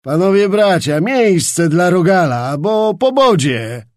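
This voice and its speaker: A man reading an audiobook, voicing a calm young male officer who speaks coldly and mockingly. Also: mid-range voice, takes it slowly, no echo, studio quality, lightly acted. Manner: cold, calm.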